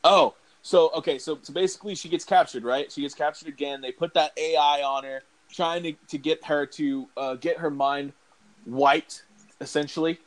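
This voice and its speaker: A man's voice: a little high, fairly even intonation, normal speed. A man hosting a podcast, recapping a movie in a rambling casual way, full of fillers and restarts, with audible breathing. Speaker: podcast host.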